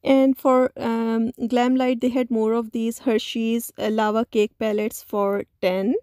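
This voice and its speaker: A woman narrating a store shopping video in a voice-over, speaking slowly. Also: a little high, little pitch movement, mellow, smooth, no room sound, clean studio sound. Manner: slow, listy, with many "uh" pauses. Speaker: shopping vlogger.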